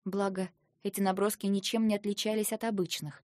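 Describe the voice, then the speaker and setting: A woman reading first-person fiction aloud in a soft, subdued manner. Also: mid-range voice, flat delivery, fairly quick, dry recording, studio quality. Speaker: audiobook narrator.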